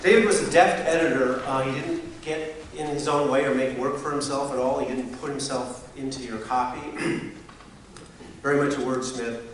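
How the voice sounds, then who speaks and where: A man giving a wry, halting memorial speech full of anecdotes, often pausing to clear his throat. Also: medium pitch, fairly even intonation. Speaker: eulogy speaker, science reporter. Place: community hall memorial gathering. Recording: echoey hall, distant mic, hiss.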